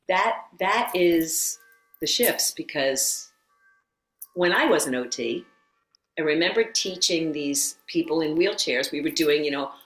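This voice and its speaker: Middle-aged woman, lowish voice, animated storyteller, interview guest, echoey room. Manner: animated storyteller who acts out quotes and laughs often. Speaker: yoga teacher and former occupational therapist. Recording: roomy echo.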